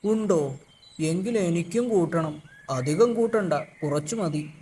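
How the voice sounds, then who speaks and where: A man's voice: a little high, animated, takes it slowly, mellow, slight background noise. A man voicing a simple-minded, good-natured male cartoon animal with a naive, plodding way of talking. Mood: naive, earnest. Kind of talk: cartoon voice acting.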